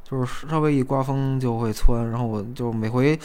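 A man chatting casually, halting and often repeating his words as he goes. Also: medium pitch, warm tone, clean tone. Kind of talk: casual chat.

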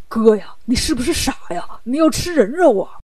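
An earnest, sensible monk, voiced by a woman storyteller, anxious and quick to scold his lazy brother. The voice stays close to her own high register. The recording is dry and close. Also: big pitch swings, darkish tone, breathy edge, dry recording.

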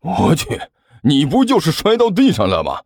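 A man's voice: fairly high pitch, huge pitch swings, moderate pace, a little mellow, dry recording, clean studio sound, pitched above the performer's own voice, exaggerated voice. A man voicing a short-tempered male math teacher who scolds and barks questions. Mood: impatient. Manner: scolding, barking.

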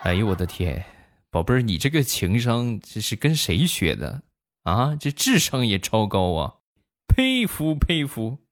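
A man with a fairly low voice tells comic family anecdotes in a chatty monologue. His pitch swings widely as he builds to each punchline. He pauses before the punchlines. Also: big pitch swings. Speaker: comic storyteller.

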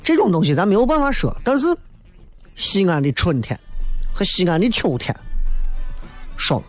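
A high-pitched, sing-song voice at moderate pace comes from a comedy show host in Xi'an, Shaanxi, China, with soft music underneath. Speaking in a Shaanxi accent, he offers a humorous, colloquial monologue observing the local dialect and city life, mimicking others for comic effect.

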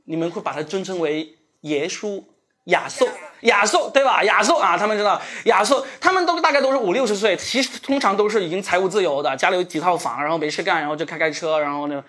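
A man from Shenzhen with a Cantonese accent, doing live stand-up comedy with self-mocking, animated storytelling. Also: high-pitched, quick pace. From Shenzhen, Guangdong.

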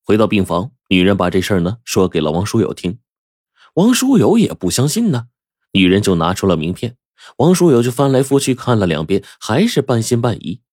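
A man narrating a story in a lively, animated way. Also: fairly low pitch, fairly quick, no room sound, studio quality.

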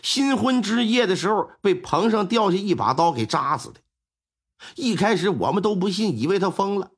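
A man doing a low-voiced old father in a storytelling show. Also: animated, normal speed, slightly rough, exaggerated voice. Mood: explaining. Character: old man, a scoundrel's father, calm explainer.

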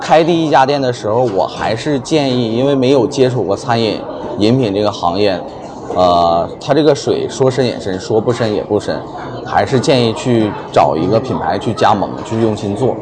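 A milk tea shop owner answers interview questions casually and hesitantly, with busy crowd chatter all around. His voice is fairly low and moderately paced.

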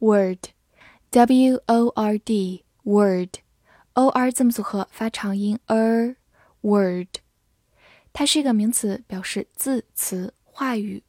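Slow, clear woman teaching English. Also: medium pitch, a little mellow, dry recording, studio quality. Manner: clear, measured, slows down for model sentences. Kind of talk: scripted vocabulary lesson.

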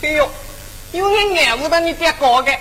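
A woman with a Gannan accent playing a mischievous, teasing young man in a tea-picking opera, with a bright, sing-song stage delivery. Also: sits high, lively intonation, moderate pace, slight background noise. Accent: Gannan (southern Jiangxi). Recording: stage recording in a reverberant hall with music.

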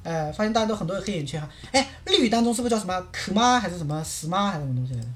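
Brief: woman language teacher on a livestream, quick and animated, keyboard typing nearby. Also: on the low side. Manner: lively, asks many rhetorical checks.

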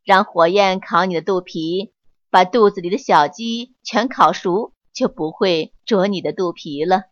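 A woman doing a wry, calm monkey owner. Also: measured pace, no room sound. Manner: dry, teasing, lower voice. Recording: dull lo-fi, dry.

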